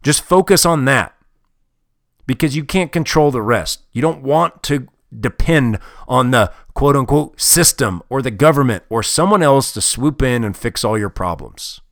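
A man delivering a tough-love motivational talk, blunt and full of swearing. He sits in a middle pitch and leans hard into his key lines. The sound is dry and close, with no room around it. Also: lively intonation, measured pace, fairly bright tone, dry recording. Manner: blunt and profane, emphatic. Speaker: motivational speaker.

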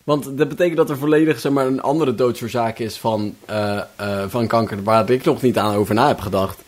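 A man's voice: medium pitch, brisk. A young man co-hosting a casual podcast, teasing his partner and joking around playfully. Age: young adult. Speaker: podcast co-host. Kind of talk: casual chat.

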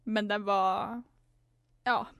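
A young woman co-hosting a student radio show, casually telling a lively story and laughing often. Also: medium pitch, vocal fry, smooth, dry recording, studio quality. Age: young adult. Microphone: studio microphone.

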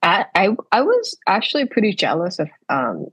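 Husky-voiced woman from Hong Kong. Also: mid-range voice, wildly swooping pitch, a bit bright, dull audio. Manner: thoughtful, with frequent "um" pauses. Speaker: percussionist guest. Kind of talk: casual podcast interview.

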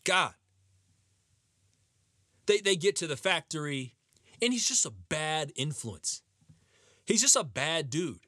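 A man with a bright, fairly high voice rants with heavy sarcasm and animated emphasis. The sound is close and dry, with no room around it. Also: slow pace, pauses often, no echo. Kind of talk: comedic rant.

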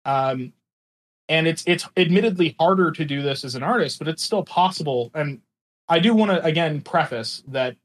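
Earnest man explaining, slightly high voice. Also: lively intonation, normal speed. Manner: earnest, hedging, often checks with "right?". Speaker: interview participant. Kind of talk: conversational opinion and explanation.

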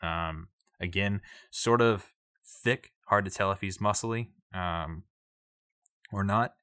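A man narrating as game master of a tabletop game, talking haltingly with many fillers. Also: deep voice, bright, forceful tone, clear, resonant tone, no echo, studio quality.

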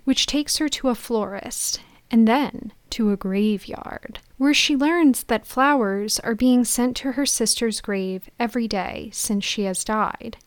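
Female film podcaster, playful scripted storyteller, fairly high pitch, very dry recording. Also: no room sound. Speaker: podcast host.

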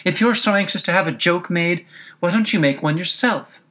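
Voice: mid-range voice, moderate pace, a bit bright, pitched above the performer's own voice, natural voice. A narrator doing a prim, plucky little girl. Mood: impatient. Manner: prim, insistent. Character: impatient young girl, polite but plucky.

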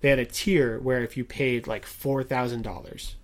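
A man's voice: mid-range voice, fairly even intonation, moderate pace. A young man hosting a casual podcast chat as a game master, rambling with lots of fillers and restarts.

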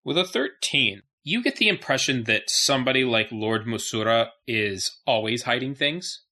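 A man's voice: mid-range voice, expressive, moderate pace, bright, forceful tone. A man running a tabletop fantasy game as game master, narrating and explaining to players.

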